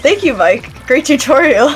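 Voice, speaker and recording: A woman's voice: sits high, expressive, unhurried. A woman streaming a game, chatting casually and rambling with many restarts. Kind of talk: casual chat while gaming. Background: game music.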